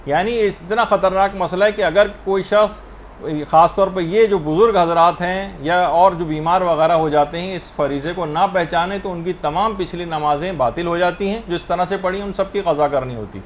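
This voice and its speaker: A man with a high voice gives a religious lesson on prayer rules. He explains each ruling patiently, slowing down to demonstrate correct pronunciations. Faint noise sits under the recording. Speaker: religious teacher.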